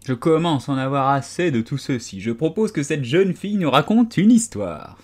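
A man's voice: on the high side, lively intonation, moderate pace, darkish tone, voice pushed up. A man voicing a bored, blunt male March Hare in a storybook, talking in a curt, abrupt way.

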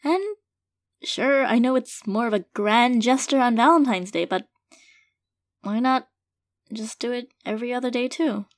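This fairly high, natural-sounding female voice comes through with no echo. In an intimate audio roleplay, she's an affectionate girlfriend talking tenderly and sincerely to her partner, her loving words coming out in a hesitant, halting, soft-hearted way as a casual monologue to the listener.

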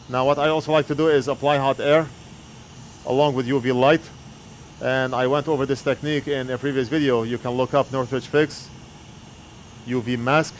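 A man in his forties, a repair technician, explains an electronics repair step by step while working at his indoor bench, speaking plainly into a wired earpiece headset mic. His voice is medium-pitched, and there's a little hiss or hum.

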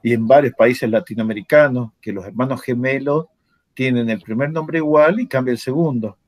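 A man's voice: mid-range voice, normal speed, darkish tone, no room sound. An older man with an Argentine accent, a former chemistry professor telling a story in a casual chat, acting out the dialogue with laughter and swearing. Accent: Argentine Spanish.

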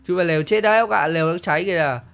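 A man's voice: high voice, very fast, creaky, a bit bright, soft background music. A man hosting a game video, chatting casually and teasing jokingly as he plays. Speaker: gaming channel host.

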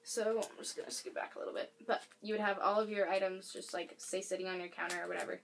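A woman's voice: mid-range voice, fairly even intonation, quick pace, vocal fry. A young woman vlogger at home giving a casual product demonstration, rambling with lots of fillers and self-corrections. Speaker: beauty and advice vlogger. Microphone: camera mic. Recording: faint hiss from air conditioner.

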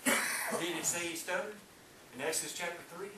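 A middle-aged man whose voice is a little high preaches at a moderate pace in a fervent, Pentecostal-style way, rising and falling and calling for amens. The small church-hall congregation and his sermon are heard from a far camera with no visible mic, echoing and carrying a faint hiss.

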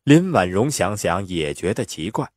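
A man narrating an audiobook in an expressive, lively storytelling manner on a close mic. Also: low voice, normal speed, no echo.

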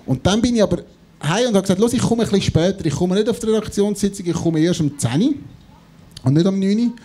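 High-pitched Swiss German man telling stories. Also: quick pace, slightly rough. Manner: animated storytelling, acting out dialogue. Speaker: comedy show panellist. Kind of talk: live anecdote telling on stage. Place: on stage in a theatre before an audience. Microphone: handheld or stand microphone held close.

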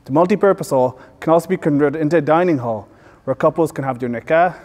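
A man in his thirties with an Irish accent leads a tour as a facilities manager. He talks briskly and in a friendly way, his voice a little higher than most men's. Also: a little mellow. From Ireland. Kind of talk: guided tour talk. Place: indoor centre halls.

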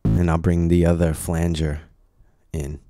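A man casually explaining software steps one at a time in a screen-recorded tutorial, with lots of "you know"s. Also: deep voice, little pitch movement, unhurried, loud music behind the voice. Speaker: tutorial presenter.

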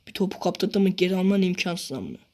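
A man playing a football video game, swearing constantly and repeating the same phrases in frustration, switching between low muttering and sudden shouts. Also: very animated, quick pace. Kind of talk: casual gameplay commentary.

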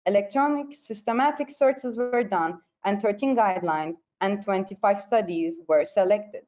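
Speaking at a normal speed with a mid-range, slightly mellow voice, this Turkish-accented woman reads a formal academic presentation with care. She comes from Turkey and is a periodontology postgraduate presenter. The audio sounds dull and lo-fi, typical of an online presentation.

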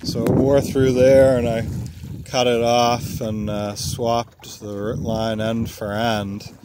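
A man narrating casually while sailing a small boat, talking in an unhurried way with many filler pauses, recorded outdoors at sea on a boat-mounted camera. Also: mid-range voice, flat delivery. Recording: wind and water noise outdoors. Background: wind and water noise.

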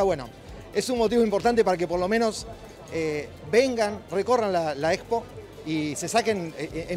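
A middle-aged man with a Rioplatense accent and a rather high voice talks into a handheld mic at a crowded expo. He explains at length, full of "eh" hesitations and restarts. Faint music plays in the background. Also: darkish tone. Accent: Rioplatense Spanish. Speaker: company director. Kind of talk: trade-show interview. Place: busy indoor expo hall. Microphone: handheld mic held by interviewer.

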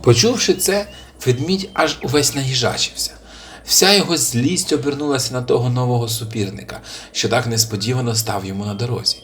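A man telling a folk tale as scripted narration, reading calmly and expressively. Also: mid-range voice, a little fast, a little hiss or hum. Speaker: storyteller.

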